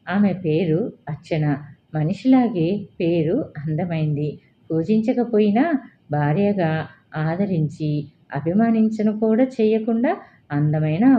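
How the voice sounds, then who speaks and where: A woman narrating a story as an audiobook reader, in a calm, measured way. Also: on the low side. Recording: dull lo-fi with faint hiss.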